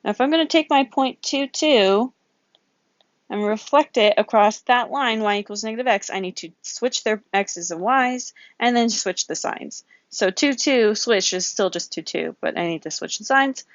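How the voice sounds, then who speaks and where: A woman's voice: on the high side, moderate pace, no echo, muffled recording. Woman teacher counting out grid points. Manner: self-correcting, playful sound effects, counting grid squares aloud. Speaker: math teacher. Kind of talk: recorded geometry lesson, working problems aloud.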